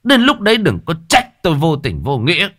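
A man playing a stubborn, furious village father who scolds his wife fast and loud. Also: on the high side, wildly swooping pitch, breathy edge, pitched above the performer's own voice, exaggerated voice. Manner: scolding, rapid and shouting.

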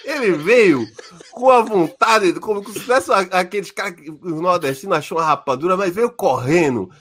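A man's voice: high voice, moderate pace, slightly rough. A man with a Northeastern Brazilian accent telling a story on a casual podcast, acting out the people in it and laughing often. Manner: animated, acts out quoted voices, laughs often. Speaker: podcast host.

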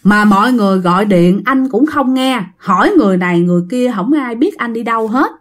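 A woman with a Southern Vietnamese accent narrating a ghost story, talking straight to her listeners. Her voice sits high and swoops widely as she tells it, chatty and animated. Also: brisk. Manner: chatty, addresses listeners directly.

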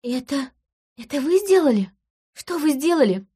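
A woman voicing a frightened young embroiderer who stammers and speaks haltingly, read as audiobook dialogue. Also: high voice, big pitch swings, mellow. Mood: frightened, stammering.

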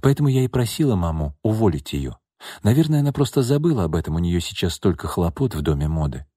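A man voicing a young heiress who speaks quietly and calmly, in a read-aloud audiobook. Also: low voice, quick pace, husky, no room sound, studio quality, full character voice. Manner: quiet, calm and even. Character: calm, quiet young heiress, composed and resolute.

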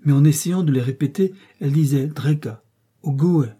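A man narrating an adventure novel in a measured, expressive reading. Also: a little high, husky. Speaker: audiobook narrator.

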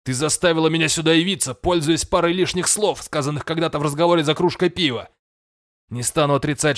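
A man's voice: lowish voice, dry recording, studio quality, natural voice. A man voicing a proud, weary swordsman who firmly refuses to obey. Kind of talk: audiobook character voice.

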